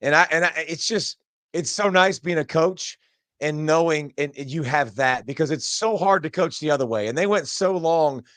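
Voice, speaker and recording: A man's voice: a little high, normal speed, fairly bright tone, dry recording. A man in his forties hosting casual sports chat, fired-up and emphatic, full of "like.". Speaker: host, former football player.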